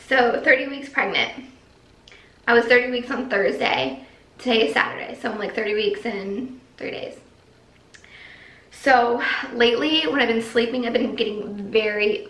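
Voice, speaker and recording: Her voice sits on the high side and sounds slightly bright as this young expectant mother rambles casually through a vlog update. She's a bit breathless, leaning on "like" and other fillers. She records at home in a bare, empty nursery that echoes.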